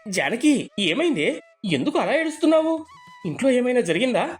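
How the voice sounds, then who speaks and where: A man's voice: extremely high pitch, sing-song, moderate pace, soft background music. Man playing a naive, generous village husband, coaxing and open-handed, cartoon story. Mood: alarmed. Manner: soft-hearted, trusting, coaxing. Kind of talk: animated story voice acting.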